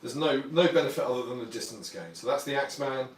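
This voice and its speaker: A man's voice: medium pitch, lively intonation, quick pace. A man talking through a tabletop wargame on a live stream, explaining rules and thanking viewers as he goes. His voice sits mid-range and sounds set back from the mic in a roomy space, with a light hiss underneath. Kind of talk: casual live-stream game commentary. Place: warm home apartment, indoors. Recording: roomy sound, distant mic, faint noise.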